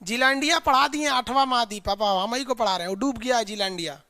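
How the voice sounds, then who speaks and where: A man's voice: extremely high pitch, quick pace, pushed and bright, no echo, clean studio sound. A man teaching a live online class in a colloquial, chiding way, drilling his students with repeated call-and-response lists.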